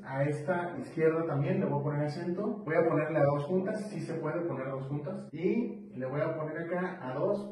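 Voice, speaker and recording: A man gives a drum lesson, counting beats aloud and walking through each step. His voice sits a little high. He sounds far from the mic in a strongly echoing room with a faint hiss behind him. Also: a little mellow. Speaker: percussion teacher. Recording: roomy, distant mic with faint noise.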